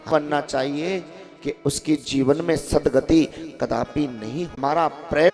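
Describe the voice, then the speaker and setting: A man's voice: on the high side, measured pace, soft background music. Hindi preacher man telling a katha. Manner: animated, questions the audience often, calls out to listeners. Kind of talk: devotional katha sermon. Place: ashram hall with a seated audience.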